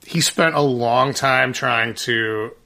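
A band's singer, appearing as a guest in a casual conversation, rambles along with many fillers and restarts. He takes it slowly, and his mid-range voice is creaky with a sharp tone.

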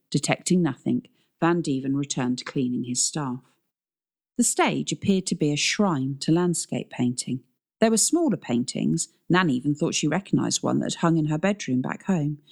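A woman reading a novel aloud in measured, scripted narration. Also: deep voice, vocal fry, darkish tone. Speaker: audiobook narrator.

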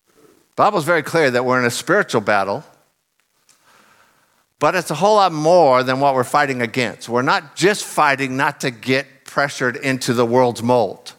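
Speaking at a normal speed, this middle-aged preacher gives his sermon earnestly and stresses the important phrases heavily. Loud singing beforehand has left his voice somewhat husky and deeper.

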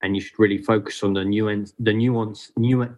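A man's voice: lowish voice, steady tone, a little mellow. A man, a guest photographer talking earnestly and unhurriedly in a casual podcast chat. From Southeast London. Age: 30s. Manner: earnest, unhurried, restarts phrases.

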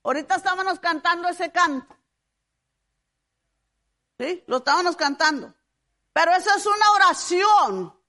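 A woman preacher delivering a fervent sermon, often shouting, with drawn-out hallelujahs and amens. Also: very high voice, animated.

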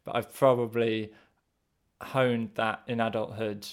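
A man co-hosting a casual podcast, talking in a halting, hedging way, restarting and correcting himself as he searches for words. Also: lowish voice, little pitch movement, clear, resonant tone. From England. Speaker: podcast co-host.

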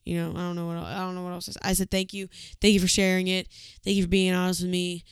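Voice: medium pitch, completely flat delivery, very fast, clean tone, no echo, clean studio sound. A podcast co-host telling a story in casual chat, blunt and swearing freely.

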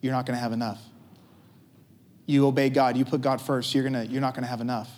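A man voicing a tempting male money spirit that nags in a low murmur. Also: fairly even intonation, fast talker, darkish tone, lightly acted. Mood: nagging. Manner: murmuring, nagging, urgent.

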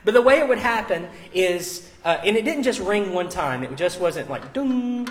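A man's voice: high-pitched, animated, moderate pace. A man preaching as a pastor in a conversational, informal and explanatory way, with casual asides, at a live church service. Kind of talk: conversational sermon.

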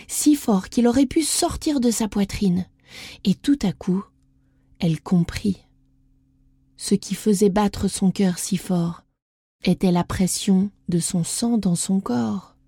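A woman reading a fairy tale aloud as a storyteller, in gentle, deliberate narration. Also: medium pitch, breathy edge, dry recording, studio quality.

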